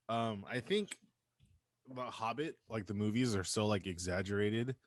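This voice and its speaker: Chill low-voiced dude cohosting a podcast, swears a lot, laughs easy, dry sound. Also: male voice, measured pace, no echo. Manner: laid-back, swears a lot, laughs often. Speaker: podcast co-host. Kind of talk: casual chat. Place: California home.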